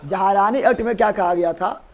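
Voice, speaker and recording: A man with a Bihari accent teaching a live exam-prep history class, animated, often repeating questions and acting out quotes in rustic dialect. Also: high voice, brisk. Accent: Bihari Hindi.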